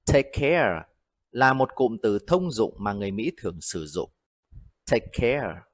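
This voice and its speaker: A man with a Vietnamese accent teaching English phrases, repeating each one slowly and deliberately. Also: on the low side, sing-song, dry recording.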